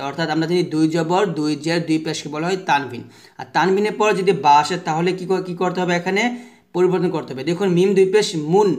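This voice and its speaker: A man teaching the rules of Quran recitation. He asks the class a question, answers it himself, and chants the letter sounds slowly for listeners to repeat. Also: sits high, a little mellow. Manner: has listeners repeat after him. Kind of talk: tajweed lesson.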